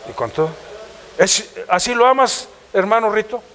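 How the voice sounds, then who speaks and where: A man's voice: high-pitched, expressive, moderate pace, fairly bright tone, slight background noise. A man with a Mexican accent preaching a passionate church sermon, firing rhetorical questions at the congregation. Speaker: pastor.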